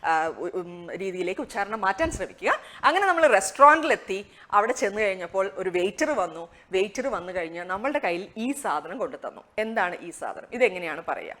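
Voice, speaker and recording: A woman teaching English pronunciation in a conversational lesson, asking rhetorical questions and slowing down on the target words. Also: lowish voice, expressive, a bit bright. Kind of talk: explanatory lesson.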